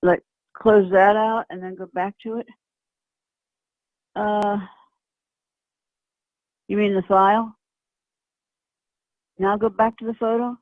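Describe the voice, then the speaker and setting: An older woman in a casual phone conversation, speaking in a hesitant, halting way. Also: mid-range voice, little pitch movement, no echo. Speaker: scam victim receiving help. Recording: dull, narrow phone-line sound.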